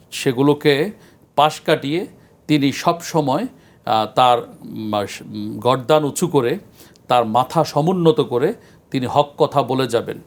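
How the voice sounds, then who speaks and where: A man, a scholar guest on a religious talk show, speaking in an earnest, measured lecturing way with frequent pauses. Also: medium pitch. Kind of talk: studio discussion on a religious show.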